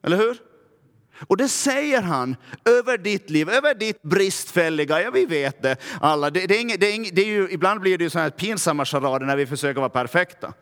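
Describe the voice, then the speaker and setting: Finland swedish pastor guy, kinda high voice, chatty sermon in a church, big echo. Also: lively intonation, fairly bright tone. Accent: Finland Swedish, Närpes. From Närpes, Finland. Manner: conversational preaching, often asks "va?".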